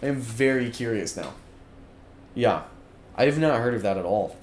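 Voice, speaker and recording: A man's voice: medium pitch, animated, normal speed. Exasperated ranting male streamer. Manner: exasperated ranting, frequent restarts. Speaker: gaming streamer. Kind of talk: live let's-play commentary. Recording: echoey room with background noise.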